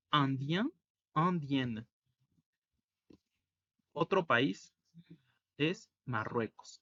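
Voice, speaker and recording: A man teaching a French lesson online, explaining slowly and repeating each word. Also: medium pitch, fairly bright tone, dry recording, lo-fi sound. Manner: slow, careful explanation, repeating words.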